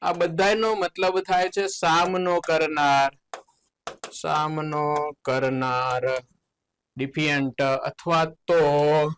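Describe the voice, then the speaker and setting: Gujarati-accented male teacher, slightly high voice, slow deliberate exam walkthrough with playful asides. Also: smooth, rough recording. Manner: slow, explains words with spelled-out letters and playful asides; lively, jumps in pitch on key words. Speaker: English teacher. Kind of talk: exam solution lesson.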